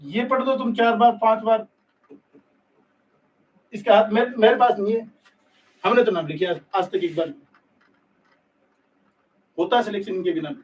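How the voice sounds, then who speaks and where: A man's voice: sits high, fairly even intonation, measured pace, pauses often, distant mic, rough recording. A man teaching a live online class for nursing exams, speaking bluntly and scolding his students. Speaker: nursing exam coaching teacher. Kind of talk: live-stream lecture, candid rant.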